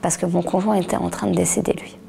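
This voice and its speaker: Low gravelly woman, halting testimony. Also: level tone, mellow. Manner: halting, restarts words, drops to a near whisper at times. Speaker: author giving a testimony. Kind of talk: personal testimony interview.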